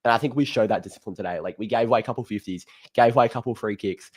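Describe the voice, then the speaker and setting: A laconic Australian man with a fairly low voice hosts a casual fan sports show. He talks in a blokey, conversational way, like he is chatting with mates. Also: racing, darkish tone, husky. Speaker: host of a fan call-in show. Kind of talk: casual footy chat.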